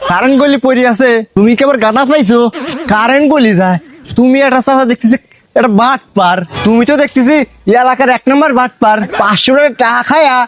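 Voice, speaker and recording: Man acting as a scolding villager, very high voice, mocking tone. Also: fast talker. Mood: exasperated. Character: exasperated male villager, loud and mocking. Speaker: cheated villager. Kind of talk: comic village drama acting.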